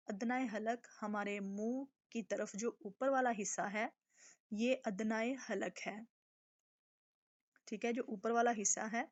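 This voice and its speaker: A woman with a fairly high voice teaches recitation in a live online class. She explains patiently, stretches out letter sounds to demonstrate them, and keeps checking that her students follow. The sound is dull and lo-fi, like an online stream. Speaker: tajweed teacher.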